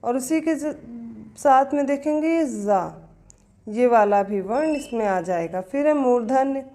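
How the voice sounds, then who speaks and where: A woman's voice: high-pitched, warm tone. A woman teaching an exam-prep grammar lesson, explaining step by step and answering her own questions.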